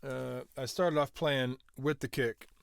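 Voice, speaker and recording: A man's voice: mid-range voice, fairly even intonation, unhurried, creaky, clean tone, dry recording. A man casually walking through how he produced a song, rambling with lots of filler words and restarts. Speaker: music producer.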